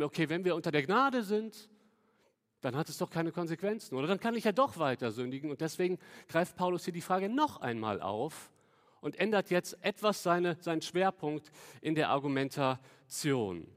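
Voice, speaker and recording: A man preaching a sermon in an earnest, explanatory manner, slowing down to stress quoted lines. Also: on the high side, animated, in a large hall. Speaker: pastor.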